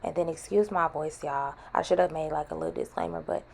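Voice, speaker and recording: Creaky-voiced woman with retainer-slurred speech. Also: deep voice, quick pace, darkish tone. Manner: chatty, informal, addresses viewers as y'all. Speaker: host of a sewing vlog. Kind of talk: casual voice-over tutorial.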